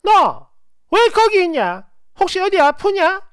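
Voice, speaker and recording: A woman voicing a middle-aged mother-in-law who shouts and picks fights over the phone. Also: very high-pitched, very animated, measured pace, no room sound, studio quality, voice pushed up, full character voice. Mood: scolding.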